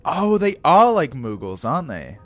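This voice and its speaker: A man's voice: a little high, very animated, normal speed, fairly bright tone. A young adult man streaming a game in casual commentary, joking and self-deprecating and laughing often. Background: faint game music.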